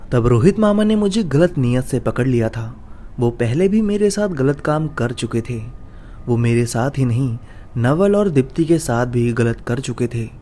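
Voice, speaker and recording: A man's voice: a little high, warm tone. A man voicing the sad, stubborn ghost of a dead boy who has taken over a child, in a read-aloud horror story.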